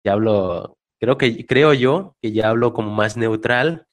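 A man from Reynosa with a softened northern Mexican accent, chatting casually in an easy storytelling way. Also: medium pitch, measured pace. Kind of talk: casual chat.

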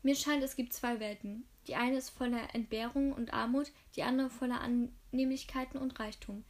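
A woman's voice: on the high side, fairly even intonation, moderate pace, a little mellow. A woman casually reading a novel aloud, often stumbling and restarting words.

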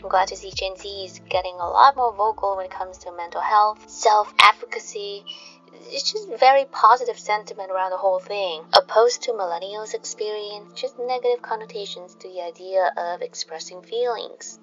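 A woman narrates in the soothing manner of a bedtime sleep story, gently addressing her listeners. Her voice has a creaky, fried edge at a medium pitch. The recording is a little dull, with faint music playing behind her. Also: normal speed. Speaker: host of a sleep podcast.

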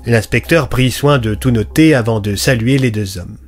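A man reading a scripted detective story aloud with a steady, even delivery. His voice sits mid-pitch, with faint music underneath. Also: normal speed. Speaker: narrator.

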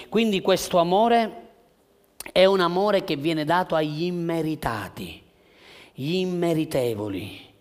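A man preaching a sermon to his church as pastor, impassioned and full of rhetorical questions, swinging from loud calls to hushed words. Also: a little high.

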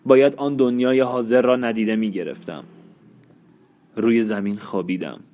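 A man narrating an audiobook in a slow, sombre, measured way. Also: mid-range voice, a little mellow. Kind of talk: audiobook reading.

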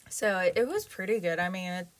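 A young woman in casual vlog chat, talking in a chatty, rambling way while recording inside a small closet at home. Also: lowish voice. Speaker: vlogger. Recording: light background noise.

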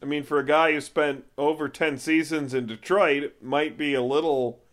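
A man's voice: a little high, steady tone, moderate pace, a bit bright. A man co-hosting a comedy podcast, needling the guest with light teasing. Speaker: podcast co-host.

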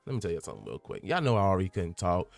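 A man's voice: deep voice, wildly swooping pitch, racing, creaky, soft background music. A man hosting a casual gaming podcast who reads out a news article and keeps breaking off to ramble and stumble over his words. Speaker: podcast host.

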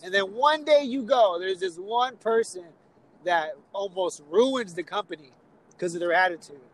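A man's voice: sits high, normal speed, poor audio. A man co-hosting a podcast in casual chat, rambling and mimicking other people's voices. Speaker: podcast co-host.

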